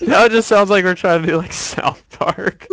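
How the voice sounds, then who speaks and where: A man's voice: sits high, creaky, dry recording. A man co-hosting a casual podcast, joking around and laughing often while discussing a game. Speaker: podcast co-host.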